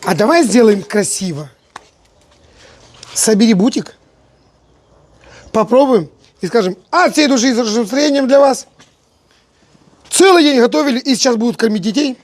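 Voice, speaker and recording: A woman's voice: on the high side, expressive, moderate pace, long pauses, a little mellow. A woman with an Odessa Russian accent bantering casually as she cooks, playfully bossy and affectionate in a colloquial way. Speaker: home cook in a family food video. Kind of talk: casual banter while cooking.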